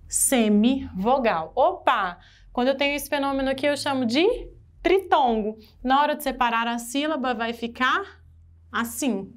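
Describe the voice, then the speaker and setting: Brazilian woman teacher, somewhat high voice, lively exam-prep lesson that keeps quizzing the class. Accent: Brazilian Portuguese. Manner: lively, asks the class questions. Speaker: Portuguese-language teacher.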